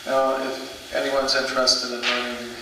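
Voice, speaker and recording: A man's voice: mid-range voice, monotone, measured pace. Male lecturer in a very echoey hall. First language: English. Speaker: lecturer, researcher in history of archaeology. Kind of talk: public lecture in short phrases, pausing for interpreter. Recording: echoey hall, distant mic, noisy.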